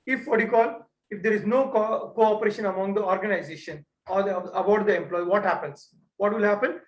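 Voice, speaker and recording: Man, classroom lecture, halting restarts, roomy echo. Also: high voice. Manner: repeats "what you call" often, halting restarts.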